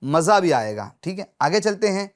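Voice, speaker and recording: A man teaching Quran recitation who says each letter sound slowly and loudly, again and again, and stops often to check that his students are following. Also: high voice, sing-song. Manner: patient, checks in often with short confirmations. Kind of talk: Urdu lesson on pronouncing Arabic letters.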